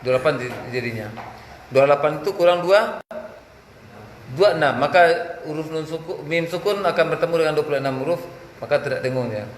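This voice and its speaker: A man's voice: on the high side, lively intonation. Man teaching, chanting verses in an echoey room. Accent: Minangkabau-tinged Indonesian. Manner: explains by question and answer, chants verses slowly. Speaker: Quran recitation teacher. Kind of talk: tajwid lesson with chanted examples. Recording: echoey room with faint background noise.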